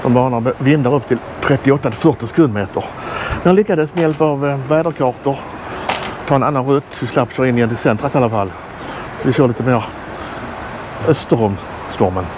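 A man's voice: mid-range voice, noisy background. Chatty middle-aged man filming his road trip. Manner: chatty, enthusiastic tour-guide commentary. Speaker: travel vlogger. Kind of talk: casual travel vlog narration. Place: outdoors and in a roadside rest stop, walking. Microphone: action camera held at arm's length.

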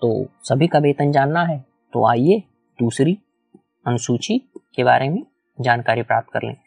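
Man, husky gravelly voice, whiteboard lecture, repeats key points, dry room, faint music behind. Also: mid-range voice, expressive, moderate pace, darkish tone, dry recording. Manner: explains step by step, repeats key points, asks the class questions. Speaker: teacher.

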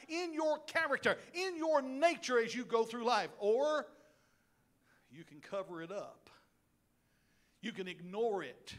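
A middle-aged male pastor delivers a sermon to his church. His voice sits very high for a man. He preaches in an animated, joking way and often turns to the people in the pews. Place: church sanctuary.

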